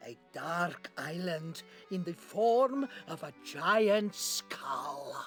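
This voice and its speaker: Dramatic ominous fortune teller lady from an adventure game, slow and swoopy, mystical. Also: on the low side, expressive, faint music behind, full character voice. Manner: mystical, grandiose, dramatic formal phrasing.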